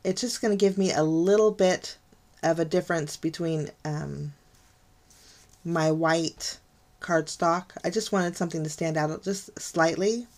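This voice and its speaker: In a casual crafting voice-over, a middle-aged woman with a low, darkish voice walks through a card-making tutorial at a measured pace. She is chatty and gushing, dropping plenty of ums and light laughs and admiring how pretty things look. She hosts the channel, and an overhead camera at her craft desk captures her hands.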